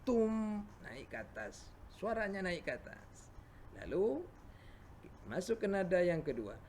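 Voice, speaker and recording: A man with an Indonesian accent teaching children Quran recitation, patiently explaining and answering his own questions, chanting verses slowly and loudly. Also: sits high, big pitch swings, a little hiss or hum.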